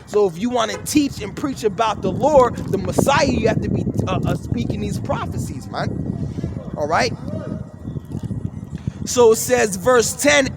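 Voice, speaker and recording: A man's voice: high voice, noisy background. A man preaching scripture outdoors in a fervent, emphatic way, constantly checking in with "all right?" and "man". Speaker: street preacher. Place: outdoors by a street.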